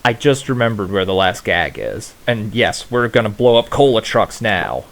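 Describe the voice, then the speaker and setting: A man's voice: on the low side, big pitch swings, normal speed, a bit bright. A man casually commenting while playing a video game, rambling and thinking aloud. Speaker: let's play host. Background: game music.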